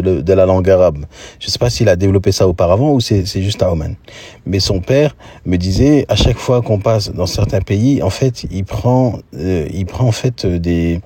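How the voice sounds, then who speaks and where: A man with a very low, husky voice recounts a personal memory in a relaxed, conversational way. He talks thoughtfully and keeps pausing mid-sentence to find the right word. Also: dry recording. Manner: reflective, conversational, searching for words. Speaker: storyteller. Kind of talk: casual spoken storytelling.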